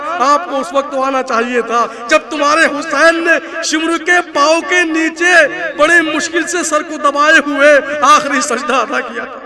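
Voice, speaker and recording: A man reciting a grieving noblewoman's pleading lament to her dead parents, in a religious storytelling gathering. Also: very high voice. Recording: crowd noise behind.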